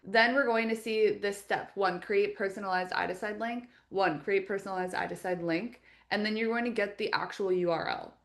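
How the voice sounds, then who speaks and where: A woman presents a live software training session, clicking through each screen as she explains it. Her delivery is friendly, practical and instructional, and her voice sits at an everyday middle pitch. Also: moderate pace, few pauses. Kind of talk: live webinar screen-share tutorial.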